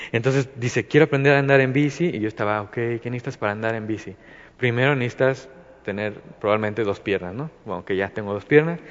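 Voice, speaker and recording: A man with a Mexican accent giving an informal Bible study talk, rambling through many fillers and restarts. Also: medium pitch. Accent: Mexican Spanish. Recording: dull, reverberant recording.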